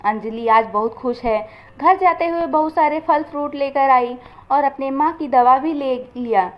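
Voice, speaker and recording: A woman narrating a moral story in a steady, plain storytelling manner, in a dull lo-fi recording. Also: sits high, a little slow.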